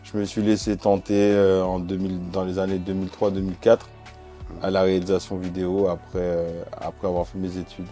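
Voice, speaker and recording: A very deep, mellow-voiced man from Martinique, a music video director in his forties, talks in a relaxed and hesitant way, with many fillers and restarts. Faint music plays behind him. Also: brisk. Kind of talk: relaxed interview chat.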